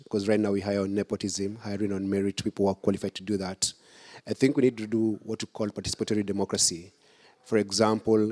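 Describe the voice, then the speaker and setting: A man with a Kenyan accent and a lowish, slightly mellow voice answers audience questions as a political candidate during a public Q&A at a conference. He speaks earnestly, building his points step by step.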